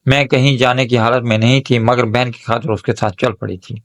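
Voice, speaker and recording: A man tells an emotional moral story in the first person, speaking as a young woman. His voice sits at an ordinary middle pitch. The reading is steady, with emotion carried through it.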